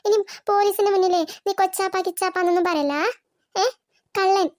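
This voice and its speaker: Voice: very high-pitched, steady tone, a little fast, a little mellow. A performer voicing a cartoon mother who scolds her son firmly and then reassures him. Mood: firm, reassuring. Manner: firm, scolding, then soothing. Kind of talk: cartoon voice acting.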